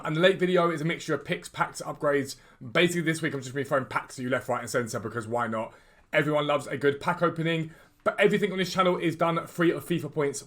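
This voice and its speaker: A man presents a gaming video in a casual, informal way, speaking directly to his viewers. His pace is very quick and his pitch sits a little high. His R's come out as W's. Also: a bit bright. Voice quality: cannot pronounce R's properly, says w for r. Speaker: gaming YouTuber and host.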